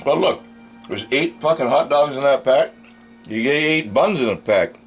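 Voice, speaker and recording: A man's voice: medium pitch, lively intonation, normal speed, faint music behind. Crude, drunken-sounding man reviewing food. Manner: blunt, crude, constantly swearing; drunken-sounding rambling talk. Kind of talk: casual unscripted food review.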